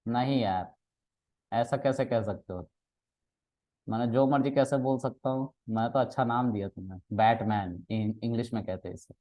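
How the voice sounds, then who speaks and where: A man acting as a class trainer, joking with and ribbing his students in loose classroom chatter. He drops English words into his talk and keeps the tone playful. His pitch sits at an everyday middle. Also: moderate pace, warm tone. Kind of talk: casual classroom banter.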